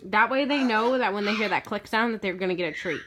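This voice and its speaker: Speaking fast in a mid-range, congested voice, a woman with a cold walks through parrot training in a casual demonstration. As an owner showing how it's done, she wanders off track, says um a lot, and keeps correcting herself, all over heavy background noise.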